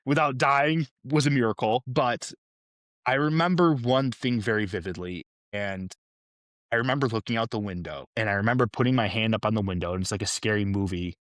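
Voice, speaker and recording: Low-voiced man telling a vivid story. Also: brisk, dry recording. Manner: vivid, profane, animated storytelling. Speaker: guest, former police officer. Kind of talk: storytelling in a podcast interview.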